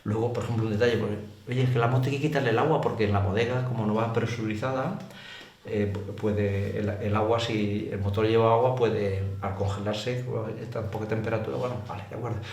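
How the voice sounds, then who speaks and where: His voice sits lowish with a darkish tone, fairly quick and fairly even in intonation. This older man, a former racer with a Spanish accent from Spain, tells casual anecdotes as an interview guest in a colloquial, exclamatory way, against roomy echo and clear background noise.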